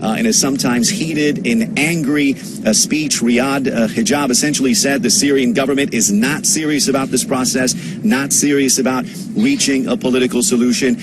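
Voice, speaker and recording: A man's voice: mid-range voice, steady tone, moderate pace, hardly any pauses, very noisy. A man reporting live as a correspondent for a breaking news bulletin.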